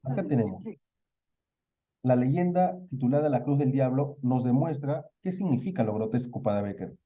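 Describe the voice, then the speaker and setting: A man's voice: mid-range voice, expressive, moderate pace, warm tone. A man with a Peruvian Spanish accent teaching a live online literature review, asking questions and then answering them himself.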